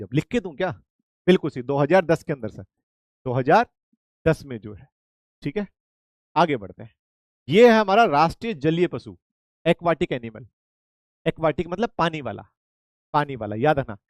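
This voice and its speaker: A man runs a live online lesson, repeating each fact and quizzing his students over and over, with English terms mixed into his speech. His voice sits a little high. The sound is close and dry. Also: no room sound. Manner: lively, repetitive drilling with questions to students; mixes Hindi with English terms. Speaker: online exam-prep teacher.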